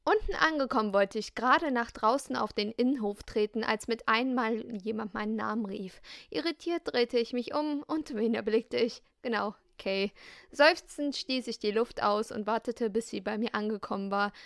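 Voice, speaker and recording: A woman reading a novel aloud in the first person, expressive and lively, voicing the heroine's own lines. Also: fairly high pitch, normal speed, vocal fry, hardly any pauses, no echo, studio quality. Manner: lively, expressive, indignant in dialogue. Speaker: audiobook reader. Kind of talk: first-person audiobook narration.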